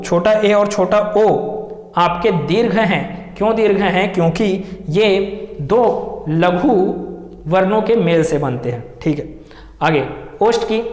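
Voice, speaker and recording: A young man teaches a class, posing a question and then answering it himself, drawing sounds out to show them. His voice sits high. He is recorded in a roomy classroom with long reverb. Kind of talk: explaining a lesson to students.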